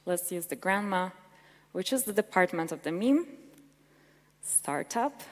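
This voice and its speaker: Her voice sits on the low side, expressive and a little slow. She is a Polish woman presenting at a tech conference talk and Q&A, eager and chatty with fillers, and the big conference hall makes the recording reverberant.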